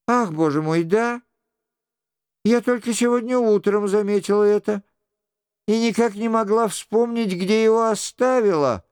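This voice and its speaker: A man reading the part of a young noble countess who asks quick, worried questions in a storybook reading. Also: medium pitch, a little mellow, clean tone, dry recording, clean studio sound, pitched above the performer's own voice, natural voice. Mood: anxious.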